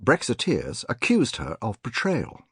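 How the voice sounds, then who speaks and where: A man reading a nonfiction audiobook in a measured, clearly articulated way, recorded on a close studio microphone. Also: mid-range voice, wildly swooping pitch, a bit bright, no room sound. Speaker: audiobook narrator.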